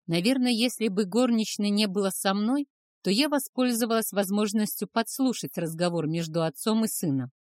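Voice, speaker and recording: A woman reading a first-person novel aloud in a calm, measured way. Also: mid-range voice, no room sound, studio quality. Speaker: audiobook narrator.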